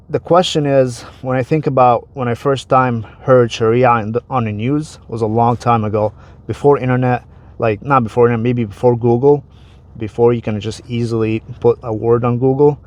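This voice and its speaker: Here a laid-back man, a native Arabic speaker, explains religion in a vlog aimed at the camera. His voice is medium in pitch and darkish, and his talk is conversational, with repeated words and phrases he restarts.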